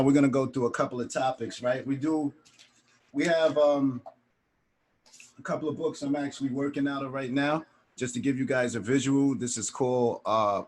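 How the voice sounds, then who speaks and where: A man's voice: mid-range voice, fairly even intonation, moderate pace, a little mellow. A man instructing an online film class in a casual way, often checking in with "right?". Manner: casual, keeps adding "right?". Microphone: video call.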